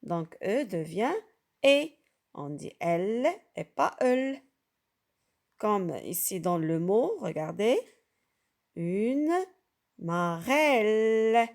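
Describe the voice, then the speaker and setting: Slow, gravelly-voiced woman teaching French sounds. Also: mid-range voice, very animated, a little mellow. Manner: patient, repeats sounds and asks "d'accord?" often. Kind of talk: slow, carefully articulated lesson for beginners.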